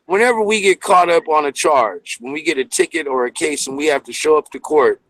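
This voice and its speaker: A man's voice: on the high side, animated, brisk, fairly bright tone, poor audio. A man joining a live panel over a choppy remote conference-call line from a car, explaining point by point. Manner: explains point by point, often calls people "bro". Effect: choppy remote conference-call audio breaking up. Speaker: guest panelist.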